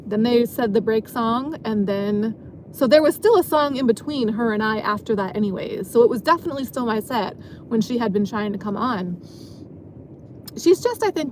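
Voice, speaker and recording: A woman's voice: fairly high pitch, darkish tone, a little hiss or hum, low-quality recording. A woman who works as an exotic dancer, telling a story from her job in a rambling, casual way, full of filler words. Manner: rambling, many filler likes.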